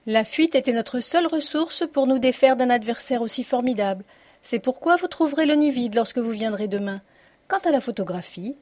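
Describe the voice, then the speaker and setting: A woman's voice: a little high, a little mellow, natural voice. A woman voicing a witty, confident woman reading out her farewell letter in an audiobook.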